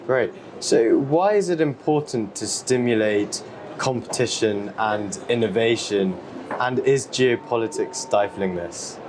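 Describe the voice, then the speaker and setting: A man interviewing a guest at a trade symposium, asking brisk, prepared questions. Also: medium pitch, background noise. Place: trade symposium in New York.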